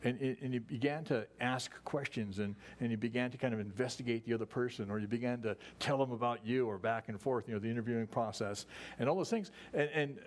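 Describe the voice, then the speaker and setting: A man's voice: medium pitch, fast. Folksy conversational male pastor. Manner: conversational, folksy, with many restarts. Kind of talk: sermon. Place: church service.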